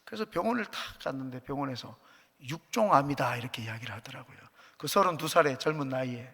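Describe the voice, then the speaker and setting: A man's voice: mid-range voice, animated, quick pace, creaky, a bit bright, slightly rough. A man, a pastor, preaching a sermon as earnest personal testimony with light jokes, in a church sanctuary. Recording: echoey church hall.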